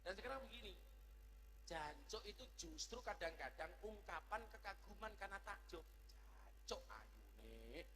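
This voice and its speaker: A man's voice: sits high, normal speed, bright, forceful tone, long reverb tail, a little hiss or hum. A middle-aged man preaching a humorous sermon, joking and mimicking regional dialects.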